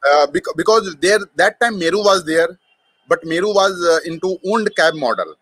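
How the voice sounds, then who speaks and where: A man's voice: high-pitched, expressive, moderate pace, a bit bright, husky, dry recording, rough recording. A man with an Indian accent tells his own story conversationally as an interview guest, hesitating often and slipping between English and Hindi. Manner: hesitant, frequent mid-sentence Hindi switches. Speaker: startup co-founder, interview guest.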